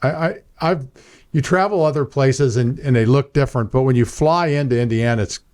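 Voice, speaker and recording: A man in his forties, a mortgage broker, hosts a real estate podcast in an easygoing, chatty way, moving between podcast chat and a scripted intro. His mid-range voice is fairly quick with a darkish tone.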